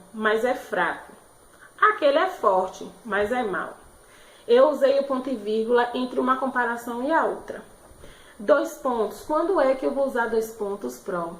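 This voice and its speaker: A woman primary school teacher giving a remote class lesson, talking slowly and warmly and checking in with her pupils as she explains. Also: fairly high pitch, echoey room, low-quality recording. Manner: warm, slow and explaining, with frequent "né?" and "certo?".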